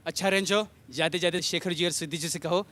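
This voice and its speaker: A man's voice: fairly high pitch, fairly even intonation, a little fast, bright, forceful tone. A male ventriloquist comedian on stage, coaxing and scolding his puppet like a naughty child.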